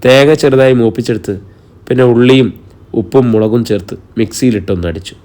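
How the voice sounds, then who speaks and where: A man narrating a romantic audio story in a calm, even manner. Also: mid-range voice, fast. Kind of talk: scripted narration.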